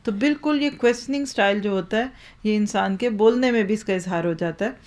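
A woman teaching a religious lesson on Quranic Arabic grammar, explaining step by step, asking the class questions and reciting verses slowly. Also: medium pitch, darkish tone.

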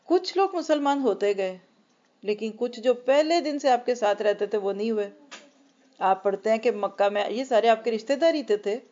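A woman giving a Quran lesson to women, explaining earnestly with rhetorical questions and slowing right down to recite verses. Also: on the high side, lively intonation, warm tone. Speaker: Quran teacher. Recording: dull lo-fi recording.

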